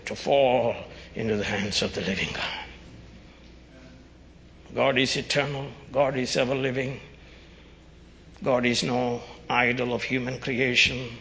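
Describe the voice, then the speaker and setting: A male preacher delivers a doomsday fire-and-brimstone sermon in a forceful, hard-edged voice. He warns sternly and urgently, street-preacher style, in slow and weighty phrases. The sound rings through a long, reverberant hall. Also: medium pitch, vocal fry. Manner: emphatic, solemn, deliberate phrasing. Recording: dull, noisy recording in reverberant hall.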